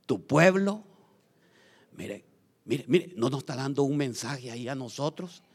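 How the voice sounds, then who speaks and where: A man from Honduras preaching a lively sermon as pastor, calling out to the congregation with joking asides. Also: mid-range voice, measured pace, husky, in a large hall.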